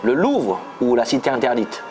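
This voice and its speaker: Lively-voiced male interviewer. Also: mid-range voice, soft background music. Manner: brisk, playful quick-fire questions. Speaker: interviewer, show host. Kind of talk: interview questions.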